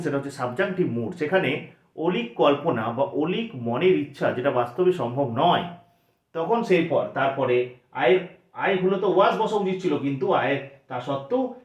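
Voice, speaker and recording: Guy teaching grammar for an exam, keeps asking the class questions and answering them, slightly high voice, echoey room. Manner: explains step by step, asks students questions and answers them himself. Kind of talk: exam-prep grammar lesson in Bengali. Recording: echoey, dull lo-fi recording.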